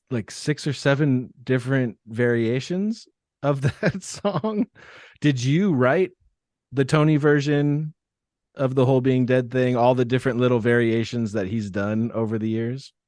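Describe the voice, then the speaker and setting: A man's voice: mid-range voice, measured pace, a little mellow, dry recording, clean studio sound. A man hosting a podcast, asking rambling, enthusiastic questions in casual chat. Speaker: podcast host.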